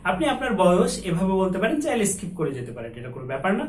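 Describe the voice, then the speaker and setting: A young man from Bangladesh teaches spoken English, repeating each phrase slowly so learners can follow. His voice sits high and rises and falls a lot. He sounds a bit away from the mic in an echoey room. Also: very animated, distant mic. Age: 20s. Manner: slow drilled repetition of English phrases.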